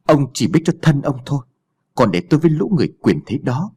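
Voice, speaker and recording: Poor older mother, played by a male narrator: bitter, aggrieved, husky, up-and-down voice. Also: mid-range voice, sing-song, quick pace, warm tone, pitched above the performer's own voice. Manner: aggrieved complaining.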